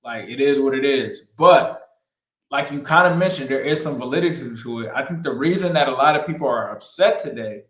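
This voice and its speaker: A man co-hosts a casual sports talk show in an agreeable, conversational way. His voice is mid-pitched, and the recording carries the echo of a roomy space. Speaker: sports podcast co-host. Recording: echoey room.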